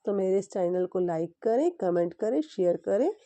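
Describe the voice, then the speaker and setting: A woman's voice: medium pitch, animated, normal speed, dark tone. A young woman teacher telling a story to children and explaining each line again in simple words.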